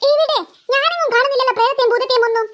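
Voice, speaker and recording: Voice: very high-pitched, very fast, a bit bright, a little hiss or hum. A performer doing a scolding cartoon mother. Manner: scolding, impatient, threatening. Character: scolding mother, impatient and stern. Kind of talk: cartoon voice acting.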